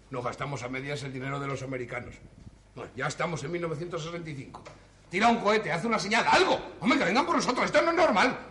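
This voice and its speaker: A skeptical joking friend, lively highish voice, Spain Spanish accent. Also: male voice, a little hiss or hum. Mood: exasperated. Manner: joking, wisecracking. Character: skeptical wisecracking male friend, bewildered. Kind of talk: 1960s TV stage play acting.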